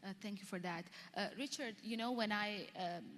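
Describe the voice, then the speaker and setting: A woman's voice: medium pitch, moderate pace, a bit bright. A woman from Southeastern Europe moderating a conference panel, asking questions with hesitant restarts. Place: large conference hall. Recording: reverberant hall, faint noise.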